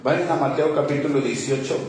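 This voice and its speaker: A man's voice: on the high side, fairly quick, far from the mic. Male pastor preaching in a very echoey hall. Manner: emphatic, asks the congregation rhetorical questions and repeats key phrases. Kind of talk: sermon with scripture reading. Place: church hall. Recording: very echoey hall, voice from off mic, faint background noise.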